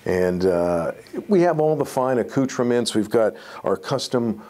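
A company presenter in his sixties gives an informal product presentation to camera in a medium-sized indoor room lined with acoustic wall panels. His medium-pitched voice is mellow and expressive, and he takes his time.

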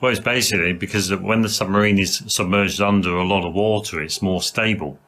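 A man's voice: low voice, fairly quick, fairly bright tone. A man co-hosting a casual podcast, explaining things steadily and saying "there we go" a lot. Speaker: podcast co-host. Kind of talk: casual chat.

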